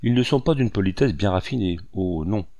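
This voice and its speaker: A man voicing an excitable, curious planter in a storybook reading, with a low voice. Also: fairly quick. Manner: amazed, eager. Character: curious excitable middle-aged male planter.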